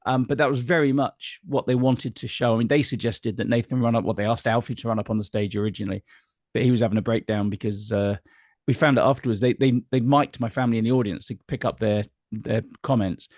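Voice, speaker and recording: A man's voice: mid-range voice, fairly even intonation, fast, a little mellow, dry recording, clean studio sound. A middle-aged man, a guest entertainer chatting casually and telling anecdotes in an interview.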